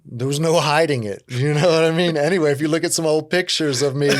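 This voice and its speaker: A man's voice: a little high, fast, no room sound, clean studio sound. A man in his fifties from Virginia, a guest in an interview, telling his life story in a reflective, rambling way with many fillers. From Virginia, USA. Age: 50s. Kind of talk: casual storytelling.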